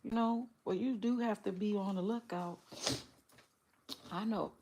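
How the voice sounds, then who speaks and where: A woman's voice: mid-range voice, unhurried, background noise. A middle-aged woman, chatting casually with viewers on a livestream, teasing and laughing often. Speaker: livestream host.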